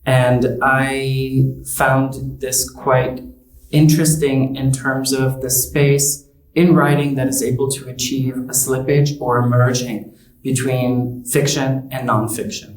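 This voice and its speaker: Thirty-something american guy explaining his art, flat and slow, lots of ums, sounds far off in an echoey room. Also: medium pitch. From United States. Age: 30s. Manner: slow, halting, many ums. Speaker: exhibiting artist. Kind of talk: reflective talk about his art. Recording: roomy, distant from the mic.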